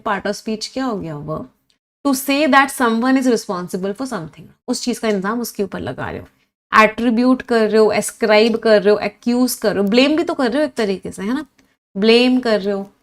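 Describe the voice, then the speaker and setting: In an online class, a woman with a fairly high voice teaches English vocabulary, quizzing her students and praising their answers. She moves between Hindi and English as she spells the words out.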